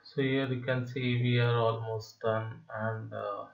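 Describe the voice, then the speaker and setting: A man walks through a phone setup in a level, unvaried tone with a gravelly edge, stopping often on "uh" and checking in with "right?". He sounds distant from the mic, in a roomy space with a dull, lo-fi recording. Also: mid-range voice, little pitch movement, a little slow. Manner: hesitant, many "uh" fillers and tag "right?". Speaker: tech video host. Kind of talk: phone how-to walkthrough.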